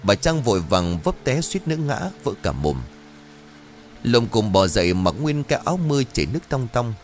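A man narrating a ghost story in an expressive storytelling manner. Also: medium pitch, moderate pace, faint music behind.

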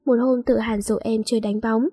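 A woman's voice: a little high, fairly even intonation, moderate pace, dark tone, husky, dry recording, clean studio sound. A woman voicing a scheming young woman in a storybook reading, sly and confiding.

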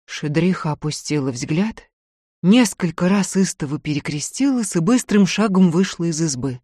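A woman narrating a folk tale audiobook in a dramatic, expressive reading. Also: fairly low pitch, moderate pace, no room sound, studio quality. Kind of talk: storytelling narration.

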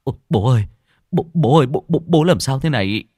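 A man's voice: mid-range voice, animated, a little fast, slightly rough, dry recording, clean studio sound, voice pushed up. A male storyteller voicing a panicked grown son who cries and stammers over his dying father. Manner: sobbing, stammering shouts. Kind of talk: storytelling performance.

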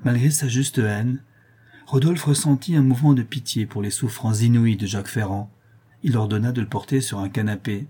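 Mellow, husky male audiobook narrator. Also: medium pitch, moderate pace. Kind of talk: narration of a classic novel.

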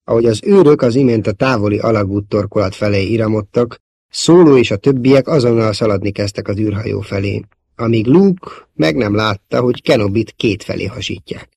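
A man narrating a novel as an audiobook in a steady, measured reading. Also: lowish voice, creaky, breathy edge, dry recording, studio quality.

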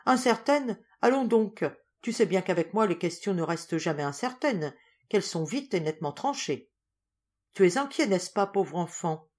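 A brisk, imperious older governess who snaps out orders and scolds with indignation, as a woman reading the audiobook puts her on. She sounds sharp-tongued and sure of herself, and she talks in a voice pitched somewhat low. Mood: scolding. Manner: indignant, commanding.

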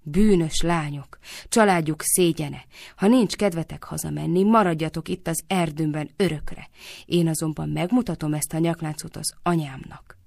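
A woman's voice: flat delivery, creaky, dark tone, dry recording. A woman doing a spiteful, scolding village busybody. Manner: shrill scolding accusations. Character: scheming suspicious old woman, quick to anger.

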